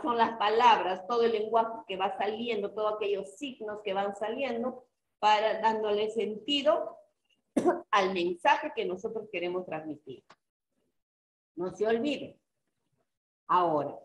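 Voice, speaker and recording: A woman teacher with a Peruvian Spanish accent giving an online class, speaking slowly and checking in with students through repeated questions. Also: mid-range voice, roomy sound, low-quality recording.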